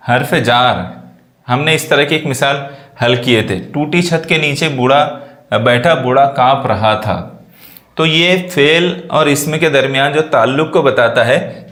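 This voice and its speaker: A man's voice: medium pitch, a bit bright. Man teaching in an echoey room. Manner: explains step by step, asks and answers his own questions. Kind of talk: screen-recorded exam walkthrough. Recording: roomy echo.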